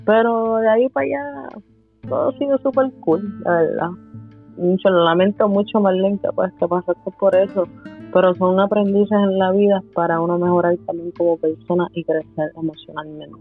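Relaxed host on a tinny line. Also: mid-range voice, normal speed, faint music behind. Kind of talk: casual chat.

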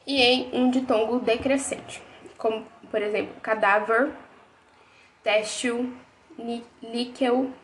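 A woman, reading grammar lesson notes as a teacher in a steady, list-like way. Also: on the high side, takes it slowly, slight background noise, low-quality recording.

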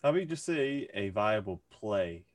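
A man's voice: fairly low pitch, big pitch swings, moderate pace, slight background noise. A young man co-hosting a casual sports podcast, arguing his points and joking around. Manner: argumentative, jokey. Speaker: podcast co-host.

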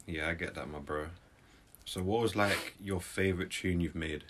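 A man's voice: low voice, normal speed, fairly bright tone, slight background noise. A young man, hosting a casual, chatty interview. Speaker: interviewer, host.

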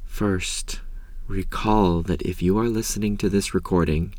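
A man leading a guided meditation in a calm, gentle, measured way, with a soft voice that turns breathy at the ends of phrases. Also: sits low, no echo. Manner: calm, gentle, measured delivery with long pauses. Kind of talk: slow guided meditation narration.

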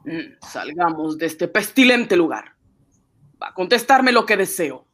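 An actor playing a suspicious, threatening police inspector in a radio drama, barking demands with gasping unease. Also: male voice, high-pitched, very animated, measured pace, fairly bright tone, heavily acted.

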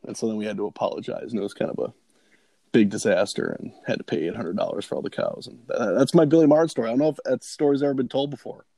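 A man's voice: medium pitch, fast, creaky, dark tone, no room sound. A man telling a long story in casual podcast chat, rambling with many fillers and restarts.

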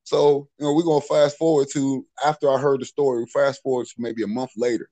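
A man's voice: mid-range voice, level tone, fairly quick, mellow, dry recording, low-quality recording. A middle-aged man telling street stories in a casual, profane way, full of "you know what I'm saying.". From Maryland, USA. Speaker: podcast storyteller.

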